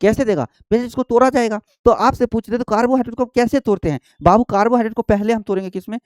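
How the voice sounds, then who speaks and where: With a very high voice and a fast delivery, a male teacher runs an exam-prep biology lesson, going over each point repeatedly and quizzing as he goes while addressing students as friends and babu. The recording is dry and studio quality.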